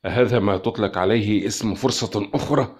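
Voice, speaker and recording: A man's voice: on the low side, fairly quick, close to an everyday voice. A man voicing a defiant young male hero agent who speaks tensely.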